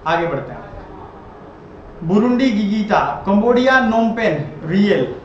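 High-voiced male teacher in an echoey room. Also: expressive, slow, slight background noise. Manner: repeats items and quizzes the viewer. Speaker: exam-prep teacher. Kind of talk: classroom-style lecture over a map. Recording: very echoey, dull lo-fi room sound.

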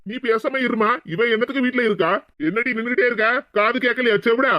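A man voicing a bossy older husband in a cartoon, gruff and commanding, with a southern Tamil Nadu accent. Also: extremely high pitch, fast, pushed and bright, dry recording. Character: bossy older husband and father-in-law turned stern. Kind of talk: cartoon voice acting. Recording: dull, dry lo-fi sound.

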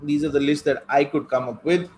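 Male online tutor, North Indian accent, slightly high voice, conversational Hindi-English code-switching, noticeable background noise. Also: steady tone, brisk, darkish tone. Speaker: test-prep teacher. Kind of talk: live online lecture, conversational.

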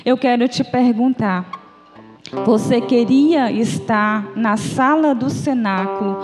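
Northeastern brazilian lady preaching slow and soft at a lectern mic, reverby church. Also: on the high side, over music. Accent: Brazilian Portuguese, Northeastern. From Bahia, Brazil. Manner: slow, gentle, inviting preaching. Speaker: preacher at a prayer group. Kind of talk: sermon with scripture reading. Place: small church, indoors. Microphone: mic on a stand at the lectern.

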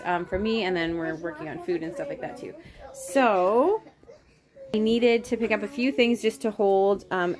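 A woman in her thirties from Canada, chatting casually through a home grocery haul video and rambling with lots of ums. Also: on the low side. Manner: chatty, rambling with many ums, asides to kids. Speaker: vlogger. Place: home kitchen indoors. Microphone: phone camera held close.

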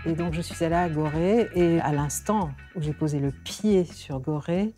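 Middle-aged woman on a radio interview, lowish voice, thoughtful, lots of euh, faint music behind. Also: moderate pace. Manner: reflective, hesitant with frequent fillers. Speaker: singer and novelist guest.

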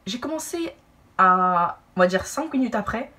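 A young woman telling a personal story to camera in a casual, animated way, acting out what others said. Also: mid-range voice, moderate pace, recorded from a distance. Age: young adult. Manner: animated, lively asides and acted-out quotes. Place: indoor room, brick wall behind.

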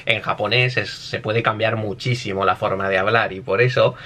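A young man with a Spain Spanish accent giving casual, animated commentary, swearing offhandedly. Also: moderate pace. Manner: animated, swears casually, mimics squeaky voices, laughs often. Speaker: YouTuber explaining Japanese.

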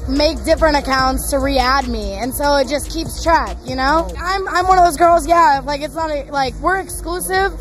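Young woman, high voice, candid and chatty, outdoors at night. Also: normal speed, hardly any pauses, a bit bright, soft background music. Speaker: interviewee. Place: city street at night, outdoors. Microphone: handheld mic.

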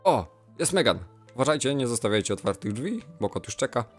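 Lively young man playing a game. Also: mid-range voice, brisk, faint music behind. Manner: playful, excitable, jokey. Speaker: gamer. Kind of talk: Roblox let's play commentary.

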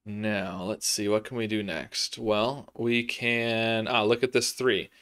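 Man, thirties, somewhat low voice, methodical think-aloud puzzle walkthrough, counts aloud, desk webcam in a small room. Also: little pitch movement, slow pace, fairly bright tone, smooth. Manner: methodical, counts cells aloud, frequent ums. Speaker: puzzle tutorial host. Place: small home room, indoors.

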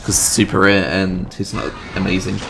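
A man giving chatty let's-play commentary, excitedly thinking aloud about his moves. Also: low voice, normal speed, gravelly, noisy background. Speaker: gamer. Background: game music.

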